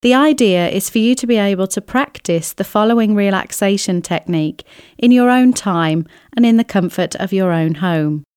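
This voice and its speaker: A woman reading a scripted guided relaxation as a therapist, in a soothing, gentle way with long, unhurried pauses. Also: mid-range voice, clean tone, no echo, studio quality. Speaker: relaxation therapist guiding an exercise. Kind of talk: scripted guided relaxation, body scan meditation.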